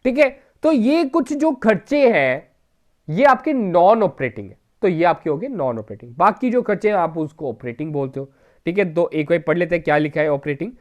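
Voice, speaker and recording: A male teacher with a slightly high voice runs a revision lecture for an exam class. He mixes Hindi with English terms. He asks himself questions and answers them, and keeps checking in with his students as he goes. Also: lively intonation, normal speed. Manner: keeps checking in with "theek hai?".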